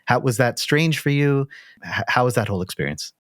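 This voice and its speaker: A man's voice: medium pitch, expressive, fairly quick, a bit bright, no echo, studio quality. A man hosting a podcast, giving a scripted introduction and then asking interview questions in an upbeat, friendly way. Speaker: podcast host.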